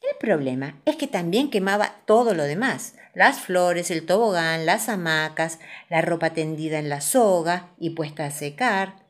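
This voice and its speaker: An Argentine woman narrating children's stories with a soft, expressive reading voice. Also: fairly low pitch, measured pace. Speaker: storyteller.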